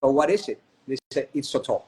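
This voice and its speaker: Warm and animated, a Chilean spirits company co-founder talks fairly fast at a medium pitch. In this casual video-call interview he tells an extended story in a chatty way, often slipping in "right?" to check he's being followed.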